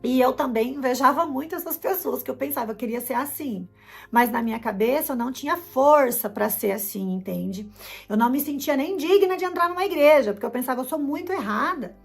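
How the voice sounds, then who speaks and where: A woman's voice: high voice, expressive, fairly quick, gravelly, slightly rough, soft background music. A middle-aged Brazilian woman with a Brazilian Portuguese accent, giving an emotional personal testimony and acting out her own past words as she tells it.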